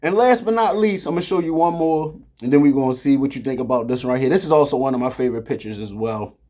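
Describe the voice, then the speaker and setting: A middle-aged man with a husky voice and a Baltimore accent, chatting casually and playfully as he hosts. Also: medium pitch, quick pace, mellow. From Baltimore, United States. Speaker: host showing photos to his mother. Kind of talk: casual chat.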